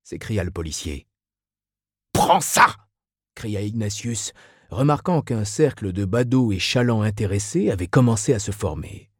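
A man reading a novel aloud as narrator, in a lively, expressive way. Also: mid-range voice, breathy edge, dry recording, clean studio sound. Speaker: audiobook narrator. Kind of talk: scripted narration.

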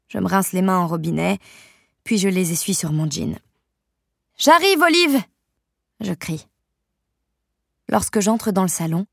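A woman reads a first-person novel aloud with an even, storytelling delivery. Her voice is gravelly with a husky edge. The recording is dry and close. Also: medium pitch, dry recording. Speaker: audiobook narrator.

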